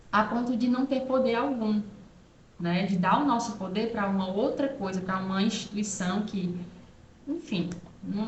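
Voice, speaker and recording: A woman's voice: mid-range voice, muffled recording, slight background noise. Earnest woman vlogging in an echoey room. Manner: earnest, talks straight to the viewer with many rhetorical asides. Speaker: channel host. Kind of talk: casual personal vlog monologue.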